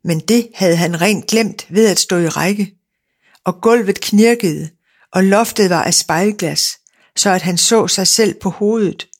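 A narrator reading a fairy tale aloud in a steady, measured storytelling manner. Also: mid-range voice.

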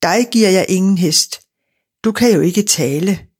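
A storyteller voicing a stern old father who speaks gruffly and dismissively in a storybook reading. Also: mid-range voice, lightly acted.

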